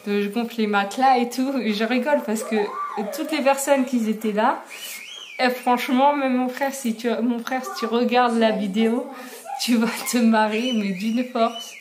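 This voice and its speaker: A woman's voice: a little high, fairly even intonation, normal speed, noisy background. A young woman telling a story in a casual vlog, chatty, with many fillers and frequent laughs. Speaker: vlogger.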